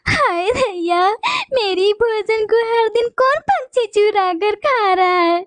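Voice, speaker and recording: A woman's voice: very high voice, lively intonation, takes it slowly, no echo, full character voice. A woman voicing a tearful, hard-working female sparrow in a cartoon, with a wailing, lamenting manner. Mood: weeping. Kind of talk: cartoon voice acting.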